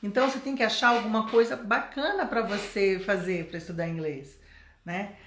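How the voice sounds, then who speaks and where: A woman's voice: medium pitch, normal speed, slight background noise. A middle-aged Brazilian woman teaching English in a live online lesson, chatty and coaxing, often asking the viewer questions. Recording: roomy echo.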